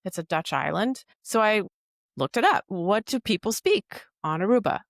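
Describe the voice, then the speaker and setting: In clean studio sound with no room tone, a woman co-hosting a podcast speaks at normal speed in an animated, mid-range, creaky voice. She chats casually in a recap, explaining in detail what she looked up.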